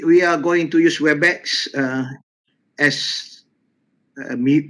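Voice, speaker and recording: An older man giving a university lecture on a video call, halting with many fillers and repeated words. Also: fairly high pitch, fairly bright tone, rough recording. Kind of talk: online class lecture.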